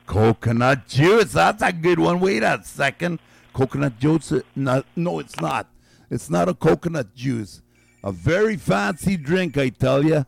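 Losing his voice, a man hosts a call-in guessing game on the radio, chuckling as he repeats each guess in a slow, drawn-out way. His voice is on the high side, creaky, with lively intonation.

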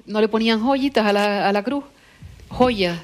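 Woman interviewer, gentle prompter, fills in the guest's words, mid-range voice. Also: medium pitch, normal speed, a little hiss or hum. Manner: prompting, finishes the guest's sentences, frequent backchannel. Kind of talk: radio-style interview.

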